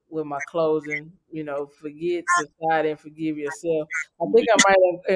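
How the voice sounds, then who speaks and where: A man hosting a casual podcast, laid-back and repeating phrases as he builds a point. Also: on the high side. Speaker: podcast host. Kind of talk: casual podcast chat about reentry.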